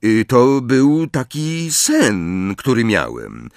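A man's voice: medium pitch, wildly swooping pitch, slow, no room sound, studio quality, voice pushed up, heavily acted. A man reading an audiobook, voicing a sullen, defensive teenage boy who hesitates and mumbles.

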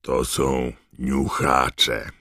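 A man reading an audiobook voices a huge, cheerful gamekeeper, speaking slowly, loudly and with drawn-out words. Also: extremely low pitch, monotone, dry recording, studio quality, full character voice. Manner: slow, loud, drawn-out delivery.

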